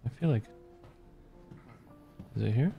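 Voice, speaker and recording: A man's voice: medium pitch, expressive, a little slow, gravelly, narrow, tinny audio. A man hosting a let's play who keeps up a stream of playful, joking remarks. His voice sits in a middle register, and faint game music plays underneath. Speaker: gaming channel host.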